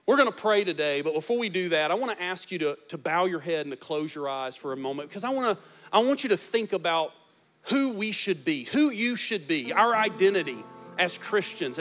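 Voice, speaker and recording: A pastor in his forties preaches a sermon on a large church stage through a handheld mic. His delivery swings between loud, emphatic lines and soft, low ones.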